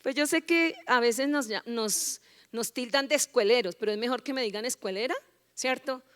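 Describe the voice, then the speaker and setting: A woman's voice: a little high, moderate pace, a bit bright, clear, resonant tone. A woman pastor preaching a rousing sermon, firing rhetorical questions and leading the congregation in call-and-response. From Colombia. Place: large church hall. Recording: church hall reverb.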